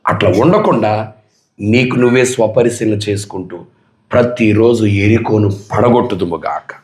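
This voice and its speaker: A man's voice: on the low side, normal speed. A male pastor preaching a sermon, emphatic and full of rhetorical questions put to the congregation.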